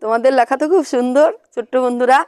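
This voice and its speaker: A woman teaching young children to spell, sounding out letters slowly in a sing-song way and often asking them questions. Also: high-pitched, fairly even intonation, mellow, smooth, dry recording, studio quality.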